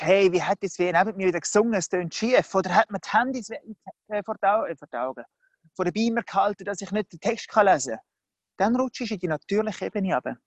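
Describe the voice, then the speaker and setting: Lively preacher, dry sound. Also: medium pitch, no room sound, dull audio. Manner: lively, conversational, acts out the characters. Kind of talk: sermon.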